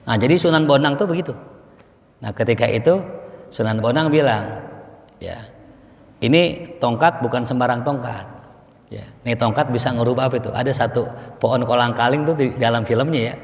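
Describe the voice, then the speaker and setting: A man's voice: mid-range voice, normal speed, gravelly, long pauses, reverberant, in a large hall. A man preaching in a mosque, talking in a conversational way, asking his listeners questions and telling stories. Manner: conversational, asks the audience questions, storytelling. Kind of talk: mosque study sermon.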